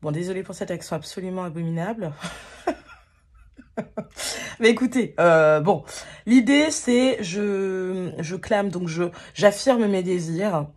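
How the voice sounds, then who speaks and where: Hesitant low-voiced woman reading tarot cards. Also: a little slow, long pauses, a little mellow. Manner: hesitant, many fillers and restarts, self-deprecating. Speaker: tarot card reader. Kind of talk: casual tarot guidance to viewers.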